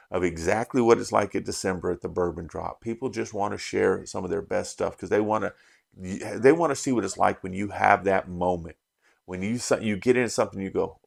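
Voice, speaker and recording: With a fairly low, gravelly voice, a middle-aged man from Las Vegas, USA, looks back on an event for his bourbon channel's casual vlog. His telling is heartfelt and rambling, with sentences often begun again.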